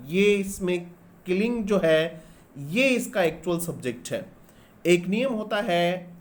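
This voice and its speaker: A man teaching English grammar in a lesson. He explains step by step, asks questions and answers them himself, and spells words out letter by letter. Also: high-pitched. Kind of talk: classroom-style grammar lesson.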